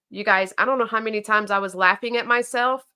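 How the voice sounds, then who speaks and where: A woman's voice: on the high side, steady tone, brisk, bright, forceful tone, clear, resonant tone. A woman with a Southern accent, co-hosting a casual livestream and chatting about viewer comments with plenty of fillers and restarts. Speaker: co-host of a knife company livestream.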